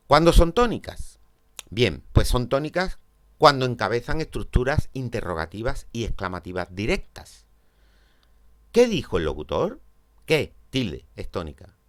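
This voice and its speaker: Spanish teacher from Spain, lively and unhurried. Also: male voice, medium pitch. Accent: Peninsular Spanish. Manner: explains step by step, checks in with "¿vale?". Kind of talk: grammar lesson.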